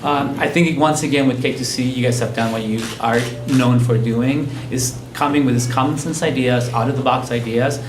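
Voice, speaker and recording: A man on a panel, a community leader, speaking in an appreciative, measured way. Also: medium pitch, fairly even intonation. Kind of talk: panel discussion remarks. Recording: echoey hall with audible noise.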